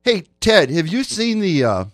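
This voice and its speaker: A man's voice: high-pitched, big pitch swings, a little slow, dry recording, studio quality, soft background music. A man hosting a sports radio show with casual, conversational chat. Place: radio studio.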